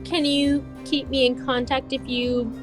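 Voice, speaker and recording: A woman's voice: high-pitched, flat delivery, unhurried, soft background music. A woman playing a tabletop game, asking polite, earnest questions. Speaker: player.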